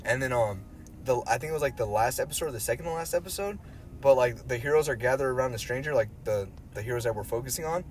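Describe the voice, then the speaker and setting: A man's voice: mid-range voice, fast, a little hiss or hum. A man hosting a podcast, chatting casually and telling rambling stories full of slang and swearing. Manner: slangy, profane, rambling storyteller. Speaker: podcast host. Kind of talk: casual fan chat about pop culture. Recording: music behind the voice. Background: music.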